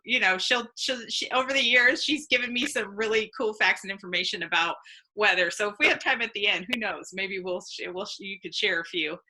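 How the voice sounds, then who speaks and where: A woman's voice: mid-range voice, fairly quick, bright, forceful tone. A woman hosting a casual live interview, chatty and friendly, laughing often. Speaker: host.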